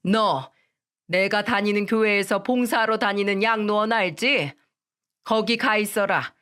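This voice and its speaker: A cold, commanding mother-in-law lays down orders in a spoken radio story, as a woman puts her on. She talks deliberately, in a firm, scolding tone. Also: mid-range voice, fairly bright tone, natural voice. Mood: stern.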